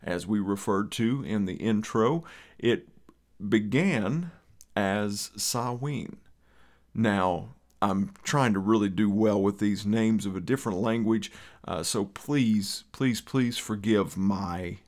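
A podcast host from Eastern Kentucky, USA, speaks slowly in a lowish, slightly mellow voice. His talk is conversational and rambling, sprinkled with folksy asides in his Eastern Kentucky accent.

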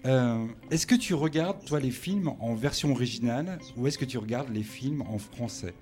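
A man interviewing a guest, asking his questions in a measured, hesitant way. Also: mid-range voice, darkish tone, soft background music.

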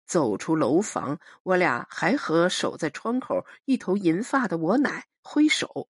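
A woman narrating a novel as an audiobook, in a measured, expressive storytelling manner. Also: lowish voice, husky, no room sound, clean studio sound.

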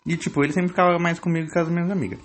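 A woman's voice: lowish voice, steady tone. A young woman with a Brazilian Portuguese accent telling gossipy stories in casual chat, acting out the lines of the people she quotes. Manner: rapid, gossipy storyteller who acts out quoted lines.

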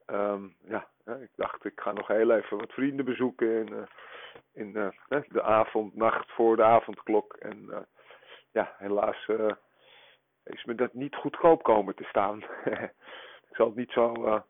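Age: 40s. Sex: man. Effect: voicemail over a tinny phone line. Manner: halting, many fillers. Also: lowish voice, steady tone, creaky. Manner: halting, full of hesitations and filler sounds. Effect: voicemail message played over a phone line. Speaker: podcast co-host. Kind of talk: rambling spoken voicemail.

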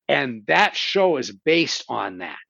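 A man's voice: medium pitch, sing-song, takes it slowly, gravelly, bright, forceful tone, no echo, muffled recording. A man hosting a show, casually and animatedly retelling horror stories, swearing now and then. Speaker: podcast host. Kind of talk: casual conversation about horror films.

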